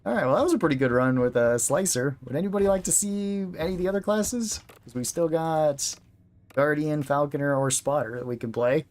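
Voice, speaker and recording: A man's voice: on the high side, fairly quick, darkish tone. A man giving casual, chatty commentary while streaming a video game, laughing often. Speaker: gaming streamer.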